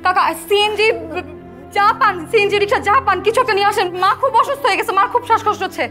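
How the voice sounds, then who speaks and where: A frantic high-voiced young wife. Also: female voice, fast, sharp tone, soft background music. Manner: urgent, breathless repetitions. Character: anxious young wife tending a sick mother-in-law.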